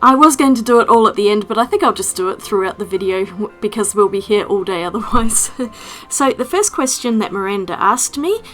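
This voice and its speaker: A woman's voice: medium pitch, animated, brisk, fairly bright tone. A woman, chatting casually in a voice-over while she paints. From New Zealand. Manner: chatty, friendly and rambling. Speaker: watercolour artist and YouTuber.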